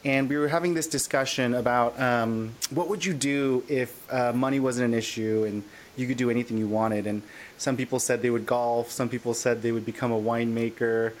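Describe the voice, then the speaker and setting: A man's voice: medium pitch, steady tone, a little fast, slight background noise. A man hosting a parenting podcast, chatting eagerly with his guest in a casual interview. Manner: enthusiastic, chatty with fillers. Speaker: podcast host.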